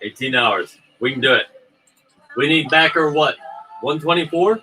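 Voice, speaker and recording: A man's voice: on the high side, normal speed, sharp tone, slight background noise, poor audio. A man co-hosting a casual livestream, bantering in a joking, teasing and rambling way. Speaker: livestream co-host promoting a crowdfunding campaign.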